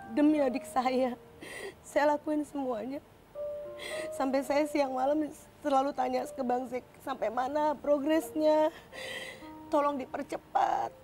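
Woman guest, slightly high voice, heartfelt and halting, music bed. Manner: earnest, emotional, halting. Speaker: guest, sister of the accused. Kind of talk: TV talk show guest.

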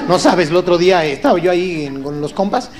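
Brief: Mexican male stand-up, teasing crowd work, animated delivery, loud live audience. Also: sits high, brisk, background noise. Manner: rowdy, teasing crowd work, bursts of shouted impressions. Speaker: stand-up comedian. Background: loud audience laughter.

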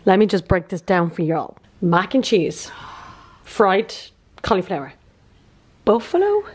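A travel vlogger with a husky, medium-pitched voice chats casually and emphatically to a handheld camera held at arm's length, speaking at a measured pace and expressively. The handheld camera recording is noisy, with street and room sounds behind her.

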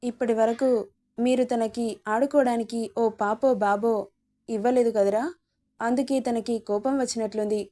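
A frank young male friend, voiced by a woman reader, talks bluntly and plainly. The voice is mellow and pitched fairly high, in a storybook reading. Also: steady tone, normal speed, close to an everyday voice.

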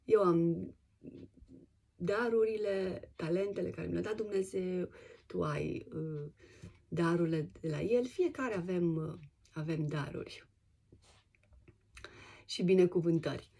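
A woman from Romania telling a personal testimony in a casual, animated way, with many fillers and restarts. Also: on the low side, creaky, long pauses, breathy edge.

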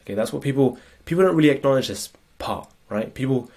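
A male productivity coach with a cold talks fast and expressively, his medium-pitched voice gravelly, husky, and darkish. Sniffly, he gives a casual lecture while sharing slides, dropping in "right?" often.

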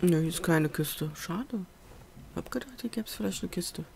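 A woman's voice: on the low side, lively intonation, normal speed, gravelly, a little mellow. A woman giving casual let's play commentary, chatting to viewers and muttering to the animals she tames, on a USB desk microphone at home. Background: faint festival noise from outside.

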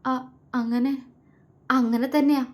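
Frightened man in his forties or fifties voiced by a woman, stumbling over words, fairly high voice. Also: steady tone, slow pace, darkish tone. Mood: fearful. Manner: stammering, fearful. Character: frightened middle-aged uncle, cornered and stammering. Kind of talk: storybook reading.

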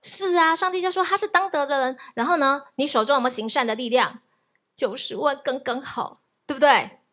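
A woman's voice: sits high, brisk. A woman pastor telling a testimony in a sermon, laughing often as she tells it. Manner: lively storytelling, laughs often.

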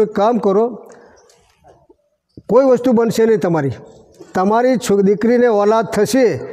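A man's voice: sits high, dark tone. A man, a shrine caretaker telling pious stories full of quoted dialogue. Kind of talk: storytelling interview. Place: outdoors at a village shrine.

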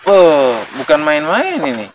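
A man confronting visitors gruffly as a gatekeeper guarding his turf. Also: a little high, huge pitch swings, measured pace, a little hiss or hum, poor audio. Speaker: gatekeeper at a ritual place. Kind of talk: heated argument.

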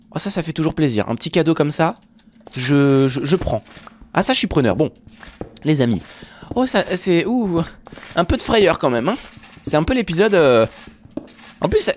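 A man's voice: on the high side, very animated, normal speed, pauses often, a little hiss or hum. A man giving casual, jokey commentary over Minecraft play, talking straight to his viewers. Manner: yelps when startled. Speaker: Minecraft YouTuber.

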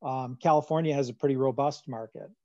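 A Midwestern man fields questions on a video call, his voice mellow and dark and the sound dry and close. The audio is dull and lo-fi, like a computer microphone. He talks in a loose conversational way, full of fillers and restarts. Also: medium pitch, a little fast, no echo. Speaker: farm finance presenter. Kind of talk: answering audience questions in a webinar. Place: home room on a video call.

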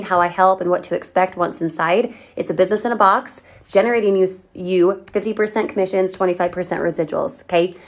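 A woman from Colorado hosting a livestream, giving an upbeat, persuasive sales pitch and answering viewers' comments directly. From Colorado, USA. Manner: upbeat, persuasive, talks straight to viewers and reads their comments. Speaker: online marketing livestream host.

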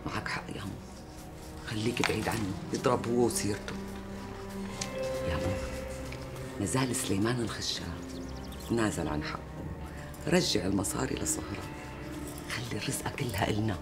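A woman's voice: rumbling low, animated, a little fast, long pauses, over loud music. Scheming Damascene mother. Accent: Damascene Arabic. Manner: scolding, scheming, hushed asides. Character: sharp-tongued middle-aged Damascene housewife and mother. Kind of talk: TV period drama acting.

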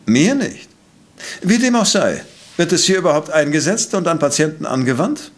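An actor playing a coolly precise professor-detective in a radio play, questioning in a formal, probing way. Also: male voice, a little high, big pitch swings, moderate pace. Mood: insistent. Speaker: voice actor in audio drama.

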